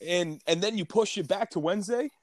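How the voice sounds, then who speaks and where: A man's voice: sits high, brisk, dry recording, clean studio sound. A man chatting casually as a guest on a podcast. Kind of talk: casual chat.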